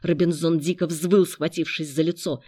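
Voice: mid-range voice, level tone, moderate pace, a little mellow, dry recording, studio quality. A narrator reading a tense audiobook in a dramatic storytelling manner.

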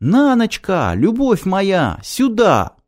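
A man's voice: high-pitched, wildly swooping pitch, takes it slowly, pitched above the performer's own voice, heavily acted. A man voicing a plucky tiny male nanobot in a storybook tale, calling out earnestly.

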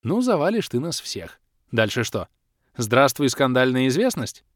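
Guy reading as a cocky young rogue, pushy and mocking, voice bouncing up high, dry close sound. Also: sing-song, a little slow, no room sound. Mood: brash. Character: cocky young male rogue, brash bargainer.

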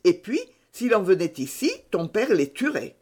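A kind young peasant woman coaxes a child with gentle teasing in an audiobook, as a woman reader puts her on. Her voice lifts a little above the narration and moves with a lively lilt. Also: mid-range voice, normal speed, breathy edge. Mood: coaxing. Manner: teasing, coaxing. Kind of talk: audiobook character reading.

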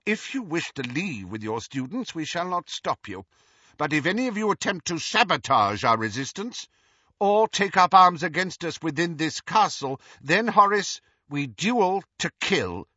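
A man's voice: on the high side, very animated, a little slow, bright, forceful tone, husky, no room sound, dull audio, pitched above the performer's own voice, heavily acted. A man voicing a stern elderly woman teacher in an audiobook, clipped and authoritative.

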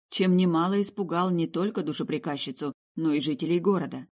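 A woman narrating a fantasy audiobook in a measured, expressive storytelling manner. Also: low-pitched.

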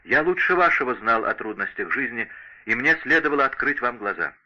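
A man's voice: mid-range voice, expressive, a little fast, dull audio, lightly acted. A man voicing a heartbroken young nobleman who speaks formally and earnestly in an audiobook. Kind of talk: audiobook character reading.

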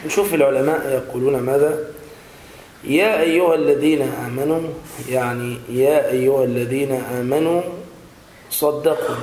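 Sheikh drilling Quran pronunciation. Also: male voice, mid-range voice, warm tone. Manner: slowly demonstrates and corrects pronunciation, repeating words. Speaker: sheikh teaching Quran recitation. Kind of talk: Quran recitation lesson. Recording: roomy echo with faint background noise.

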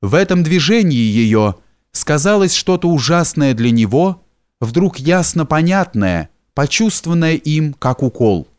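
A man narrating a historical novel in a measured, expressive reading. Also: fairly high pitch, no echo, studio quality. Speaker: audiobook narrator.

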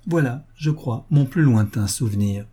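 A man reading as a witty young gentleman who teases his companions with playful tall tales. The voice is dark and husky in a novel read aloud. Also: mid-range voice, moderate pace, natural voice. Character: young Englishman, witty and teasing.

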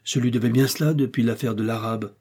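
A man reading an audiobook, voicing an eager, loyal young male servant with a cheerful, excited manner. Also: medium pitch, fast talker, breathy edge.

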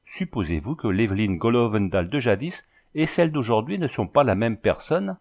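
A man voicing a pale, haunted young woman vampire in a storybook reading, hushed and plaintive. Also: medium pitch, expressive, normal speed, close to an everyday voice. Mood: melancholy.

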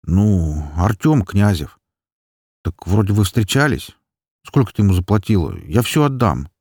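A man's voice: lowish voice, animated, a little slow, a little mellow, slightly rough, no echo, clean studio sound, heavily acted. A man voicing a nervous young man who pleads and begs in an audiobook. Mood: explaining, anxious. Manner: begging, nervous. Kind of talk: audiobook dialogue.

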